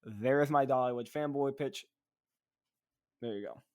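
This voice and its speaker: A man's voice: medium pitch, measured pace, no echo, studio quality. A man co-hosting a podcast, chatting enthusiastically with frequent fillers. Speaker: podcast co-host. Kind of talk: casual podcast chat.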